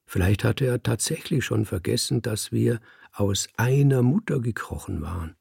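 Male audiobook narrator, calm and reflective, husky, dry close sound. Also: medium pitch, normal speed, no room sound.

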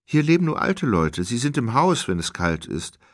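A man's voice: medium pitch, sing-song, moderate pace, dry recording, studio quality, voice pushed up, natural voice. A man reading an audiobook, voicing a frightened woman of about sixty who gives hesitant, shaken answers. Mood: anxious.

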